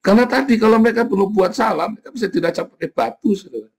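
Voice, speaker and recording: Male pastor, hoarse-edged tone, informal sermon, animated asides. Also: high-pitched, racing. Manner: lively, folksy, mimics voices, frequent "ya, Saudara". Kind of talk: casual sermon.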